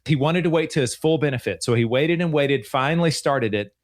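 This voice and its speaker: A man's voice: fairly high pitch, fairly quick. A man in his forties, a financial advisor hosting a show, talking in an earnest, chatty way and often repeating himself. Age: 40s. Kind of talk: casual radio-show chat.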